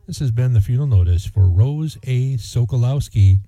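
A man reading formal radio announcements in a measured, solemn manner, phrase by phrase. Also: medium pitch, animated, mellow. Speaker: funeral notice announcer. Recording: dull, roomy sound with faint music.

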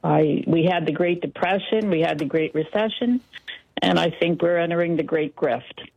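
A woman's voice: on the low side, normal speed, vocal fry, slightly rough, no echo. A woman from southern Delaware calling in to a radio talk show over a phone line, making brief, plain, polite remarks. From southern Delaware, USA. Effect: voice heard over a phone line.

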